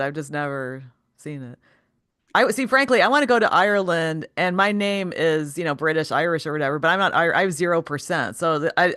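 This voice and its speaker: A woman's voice: deep voice, fairly bright tone, no echo, studio quality. A woman interviewing a guest in a casual chat, asking rambling questions that she corrects midway.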